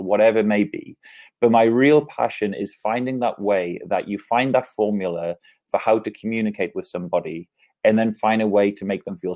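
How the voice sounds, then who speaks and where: A man's voice: fairly low pitch, a little mellow. A man in his thirties with an English accent, giving an upbeat keynote talk over a video call from his office. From England. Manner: upbeat, gestures with his hands as he talks. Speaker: keynote speaker. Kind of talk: online conference presentation. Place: office, indoors. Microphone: earphone mic on a video call.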